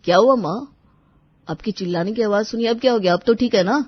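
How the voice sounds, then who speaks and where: A woman voicing a calm, sensible young adult son in a cartoon. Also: medium pitch, fairly quick, slightly rough, no echo, voice pushed up, close to an everyday voice. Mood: reasoning. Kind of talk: cartoon voice acting. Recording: dull lo-fi voice-over.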